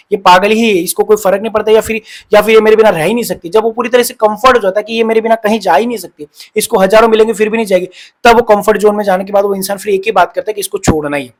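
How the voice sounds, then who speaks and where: A high-voiced man rattles off relationship advice to his viewers at speed. He is blunt and scolding, and he keeps circling back to the same points. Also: fairly even intonation, quick pace, few pauses. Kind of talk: direct-to-camera advice talk.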